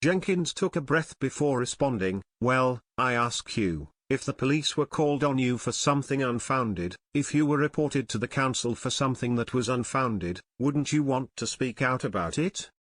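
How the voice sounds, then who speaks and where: A man's voice: mid-range voice, animated, moderate pace, few pauses, fairly bright tone, no echo, studio quality. A man reading a scripted news report, giving the quoted lines in his own plain narrating voice.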